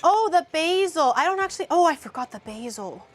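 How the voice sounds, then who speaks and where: In a very high, animated voice and at a brisk pace, a woman VTuber and streamer chats casually through her home-kitchen cooking livestream. She's blunt and profane and murmurs as she tastes the food, while a little hiss or hum sits under the audio.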